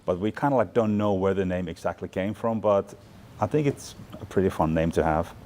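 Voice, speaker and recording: There's a little hiss or hum as a Finnish man in his forties, a fashion department chair, speaks fairly quickly in a low, slightly mellow voice. His interview answers are thoughtful and chatty, with plenty of fillers and restarts, in a large, bright indoor studio loft.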